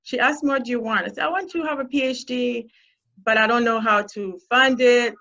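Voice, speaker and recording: A woman's voice: on the high side, a little fast, bright, forceful tone, muffled recording. A woman guest speaker from Zambia giving an earnest, encouraging talk to a youth group. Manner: earnest, encouraging, with frequent restarts.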